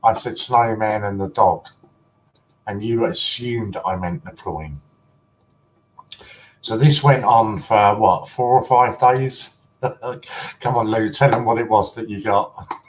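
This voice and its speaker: A man with a fairly low voice chats casually on a collector livestream. He teases his viewers and giggles often. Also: takes it slowly, long pauses, slight background noise, low-quality recording. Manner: chatty, giggly, teasing.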